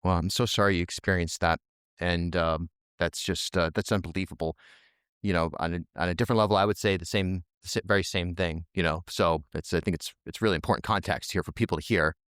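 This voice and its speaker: A man hosting a podcast talks with guests in an easy, conversational way, often repeating words as he restarts a question. His voice is very deep and smooth, close to the microphone in a dry room. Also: steady tone, brisk, a bit bright, no echo. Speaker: podcast host. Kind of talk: podcast interview.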